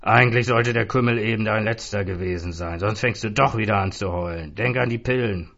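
A man voicing a gruff, swearing middle-aged pub landlord. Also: fairly low pitch, fairly quick, a bit bright, highs cut off. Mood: warning. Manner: grumbling, blunt, swearing.

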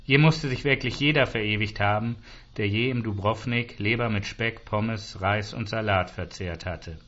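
A man's voice: fairly low pitch, moderate pace, a bit bright. A man narrating a short story aloud with dry, ironic storytelling. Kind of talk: audiobook reading of a short story. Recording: dull lo-fi recording.

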